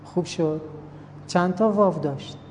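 A man's voice: high-pitched, in a large hall, a little hiss or hum. A man teaching Arabic grammar in a classroom, reciting verb forms in repeated sing-song drills. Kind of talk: classroom lesson.

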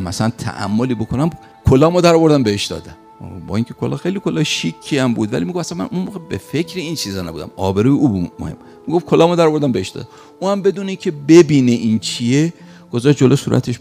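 A man telling a religious story as a preacher, animated and pausing for effect. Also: mid-range voice, vocal fry.

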